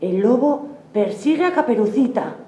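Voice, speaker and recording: A woman narrating a children's fairy tale in slow, clear, simple sentences. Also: a little high, animated, dark tone, roomy sound.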